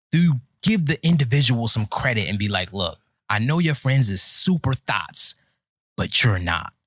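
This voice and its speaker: Brief: man, 30s, podcast host, mid pitch, dry close sound, opinionated and lecturing. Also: a bit bright, no room sound. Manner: opinionated, lecturing, slow deliberate delivery. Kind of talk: casual podcast chat.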